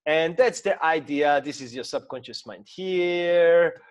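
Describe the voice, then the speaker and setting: Walking viewers through a drawing via screen share, this Hungarian-accented mindset coach in his thirties speaks informally to camera. His clear, resonant voice sits slightly high for a man and moves a little slowly, full of hesitations, fillers, restarts and non-native grammar.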